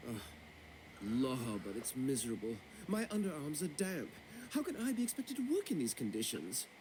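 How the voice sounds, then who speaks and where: A pompous, fastidious bureaucrat from a video game. His tone is mellow and dark while his pitch rises and falls in lively swoops. A faint noise floor sits under the game audio. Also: poor audio. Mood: indignant. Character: fussy pompous male ship bureaucrat.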